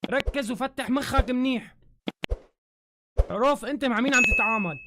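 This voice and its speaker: Heated Syrian man ranting, high voice. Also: fairly quick, very noisy. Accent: Syrian Arabic. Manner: heated, swears oaths, shouts in bursts. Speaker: live streamer. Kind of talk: angry live-stream rant. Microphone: phone camera.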